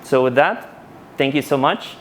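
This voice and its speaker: Conference speaker, man in his 30s, casual and animated, handheld mic in a hall, faint noise. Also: medium pitch, measured pace. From Ukraine. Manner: animated, casual, many restarts. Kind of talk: conference talk with Q&A.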